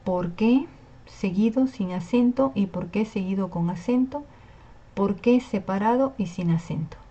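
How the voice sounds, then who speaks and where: Patient woman teacher, mellow lo-fi. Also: mid-range voice, measured pace. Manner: patient, explanatory, checks in with "¿sí?". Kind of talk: online class lecture on Spanish spelling. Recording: slightly dull lo-fi recording.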